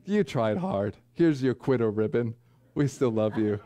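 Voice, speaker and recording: A man in his forties preaching a sermon from a small church pulpit, earnest with folksy asides and slow, deliberate emphasis. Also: mid-range voice, expressive, dark tone. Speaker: pastor. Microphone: pulpit microphone, far camera.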